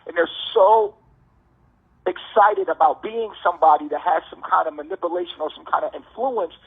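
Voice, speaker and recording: A man's voice: sits high, normal speed, gravelly, slightly rough. Man ranting over a tinny prison phone. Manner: insistent, preachy, repeats himself. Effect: prison phone call. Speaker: inmate calling from jail. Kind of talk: heated ranting monologue.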